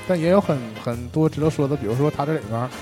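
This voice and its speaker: A man co-hosting a casual podcast, chatting and reviewing films in a talkative, rapid manner. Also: fairly high pitch, over music. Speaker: podcast co-host.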